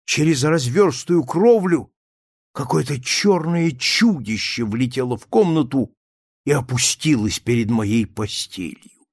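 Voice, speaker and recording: A man reading a first-person story aloud in a measured, dramatic way. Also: medium pitch, slightly rough, no echo, clean studio sound. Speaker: narrator.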